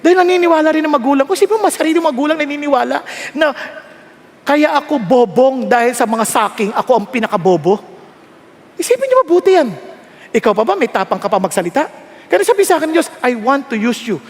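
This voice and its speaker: A man from the Philippines with a Filipino accent, preaching an animated, joking sermon that switches between Tagalog and English. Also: very high voice, quick pace, long reverb tail. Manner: animated, joking, self-mocking. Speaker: pastor.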